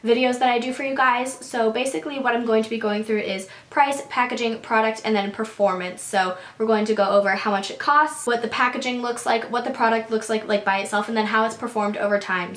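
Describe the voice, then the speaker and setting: A woman's voice: on the high side, fairly bright tone. A young woman in her twenties with a congested voice that has not fully recovered, chatting casually through a product review to camera, full of "like" and "so". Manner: chatty, frequent "like" and "so". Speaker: beauty vlogger. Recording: roomy echo.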